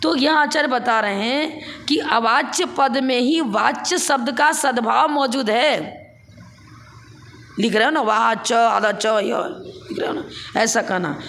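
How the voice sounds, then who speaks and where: A woman gives a scripture lecture in a fairly high, gravelly voice. She works through the text point by point and puts questions back to her listeners. A faint murmur of ambience sits behind her. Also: slow, fairly bright tone, slight background noise. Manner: explains step by step, with rhetorical questions. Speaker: scripture teacher.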